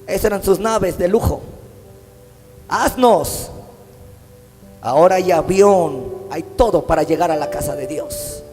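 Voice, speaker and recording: A Mexican man preaching a sermon as pastor, impassioned, his phrases swelling into sung, drawn-out lines. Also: high-pitched, darkish tone. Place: church hall. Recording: long church-hall reverb with faint instrumental music.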